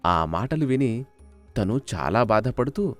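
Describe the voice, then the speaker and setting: This is a man narrating a children's cartoon story. His delivery is expressive, with a pitch that swings widely around a mid-range voice. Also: slow pace, faint music behind.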